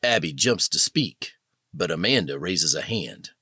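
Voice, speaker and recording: A man narrating an audio drama with dramatic, expressive storytelling. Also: deep voice, unhurried, breathy edge, no echo, clean studio sound. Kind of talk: scripted narration.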